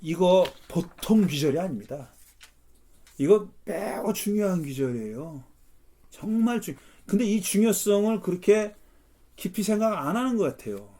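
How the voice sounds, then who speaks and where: A man leading a Bible study as pastor, explaining verses in an animated way and acting out the lines he quotes. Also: high-pitched, moderate pace. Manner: animated, acts out quotes with rising intensity.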